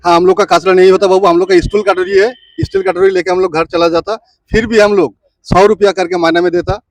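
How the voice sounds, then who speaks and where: A man's voice: high voice, fast, dry recording. A man who runs a small food stall, making earnest, pleading appeals for help in a street interview.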